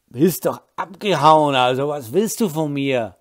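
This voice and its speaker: A man voicing a surly drunk man in an audiobook, slurring and dragging out loud, belligerent words. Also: a little high, expressive, measured pace. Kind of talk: audiobook character voice.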